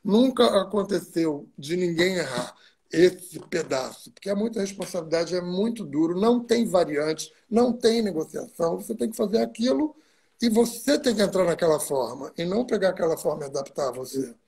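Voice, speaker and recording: A man's voice: high-pitched, expressive, a little fast, vocal fry, darkish tone, breathy edge. A man from Brazil, a guest stage actor in a video-call interview, recalls his work at length with asides and digressions. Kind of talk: reflective interview storytelling.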